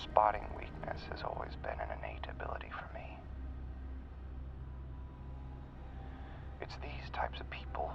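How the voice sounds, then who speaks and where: A man playing a gravelly psychopath on the phone. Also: lowish voice, moderate pace, close to an everyday voice. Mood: whispered menace. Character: cold, manipulative male psychopath caller. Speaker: caller. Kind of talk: film drama acting. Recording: tinny phone line with faint noise.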